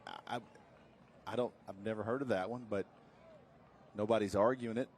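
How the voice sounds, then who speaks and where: Low-voiced folksy football color man. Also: fairly even intonation, normal speed, darkish tone. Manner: chatty, folksy analysis with homespun sayings. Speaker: color commentator. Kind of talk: live high school football commentary. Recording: outdoor game noise in the background.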